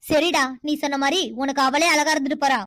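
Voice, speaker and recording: A woman's voice: sits high, level tone, quick pace, fairly bright tone, no echo. A woman voicing a domineering, scheming mother who scolds and commands her grown son in a cartoon. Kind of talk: cartoon voice acting.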